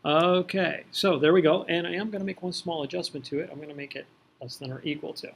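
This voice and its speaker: Male algebra teacher, slightly high voice, playful and jokey, talks to the class through a video. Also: fairly even intonation, fast, gravelly. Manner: playful, joking, teasing the class. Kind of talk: recorded video math lesson.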